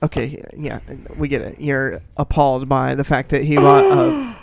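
A man's voice: fairly high pitch, wildly swooping pitch, moderate pace, creaky, very noisy. A man co-hosting a podcast, trading loose, crude, joking banter in casual chat. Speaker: podcast co-host.

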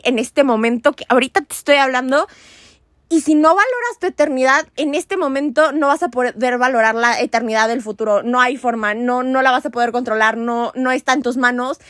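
A woman's voice: high voice, a bit bright, no echo, clean studio sound. A young woman, hosting a casual chat in an earnest, rambling, self-mocking way. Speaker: podcast host.

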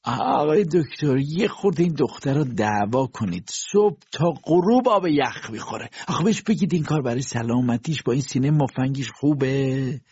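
A man's voice: mid-range voice, lively intonation, hardly any pauses, mellow, breathy edge, no room sound, muffled recording, voice pushed up. A man voicing a whining, fussy old princess who complains about her daughter, in an audiobook reading.

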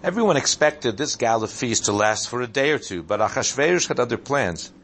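Gravelly guy reading a story out loud, steady, trips over a word now and then. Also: medium pitch, fairly quick. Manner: steady, with small slips and restarts.

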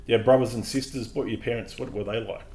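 A man's voice: medium pitch, steady tone, quick pace, a little mellow. A man hosting a podcast, asking casual questions in an easygoing way with some fillers. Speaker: podcast host. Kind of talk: casual interview.

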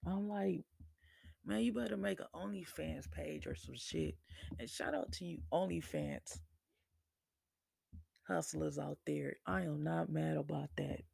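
Man, casual podcast chat, fairly high voice, husky, gravelly, relaxed and profane. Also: unhurried, long pauses, dry recording. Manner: laid-back, slangy, swears freely, laughs often. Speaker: podcast host.

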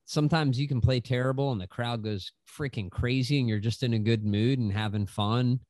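A man's voice: mid-range voice, a little fast, darkish tone, no room sound, studio quality. A middle-aged man, a guest musician, chatting casually and telling stories with lots of fillers. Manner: laid-back storytelling, lots of "you know". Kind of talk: casual podcast chat.

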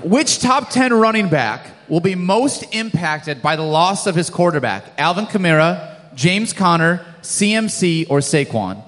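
A man's voice: sits high, lively intonation, measured pace, fairly bright tone. A man co-hosting a live podcast, reading audience questions in an upbeat, crowd-hyping way. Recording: live hall with long reverb.

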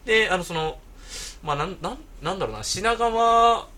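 A man's voice: sits high, normal speed. A young man co-hosting a casual podcast chat, telling stories with lots of fillers and restarts. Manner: animated storytelling with many fillers. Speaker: podcast co-host.

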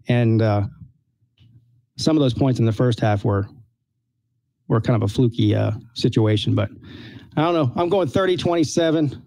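A man's voice: medium pitch, warm tone, no room sound. A man co-hosting a casual sports podcast, easygoing and upbeat as he talks about an upcoming game. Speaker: podcast co-host.

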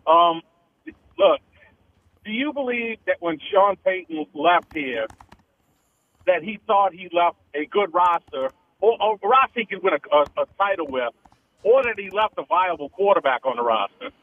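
A man calling in to a radio show over the phone, talking in a halting way with many stammered restarts. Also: high-pitched, sing-song. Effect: heard over the phone line. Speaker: radio caller. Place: on his porch. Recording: tinny phone line.

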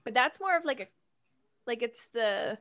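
A woman's voice: fairly high pitch, animated, normal speed, a bit bright. A woman from Canada with a Canadian accent, chatting casually and laughing often. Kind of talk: casual chat. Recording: slightly dull lo-fi sound.

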